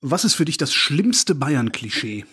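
A man runs a quick-fire interview with short, punchy questions. His voice is slightly husky. He throws in brief teasing remarks between the answers. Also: a little high, very animated, bright, forceful tone. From outside Franconia, Germany. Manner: brief, teasing follow-ups.

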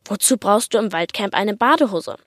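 A woman's voice: medium pitch, lively intonation, normal speed, no echo, lightly acted. A woman with an Austrian accent voicing an easygoing father with a dry, ironic way of talking. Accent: Austrian German. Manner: laid-back, ironic.

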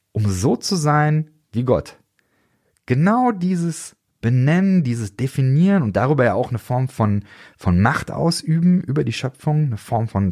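A man hosting a reflective solo theology podcast, lively and often mimicking strict voices to make a point. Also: fairly high pitch. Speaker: podcast host.

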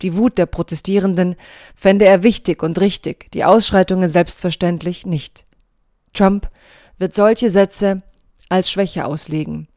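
A woman's voice: on the low side, steady tone, a little mellow, no echo. Earnest woman reading an essay, dry. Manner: measured, earnest reading with deliberate pauses. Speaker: podcast diary essayist.

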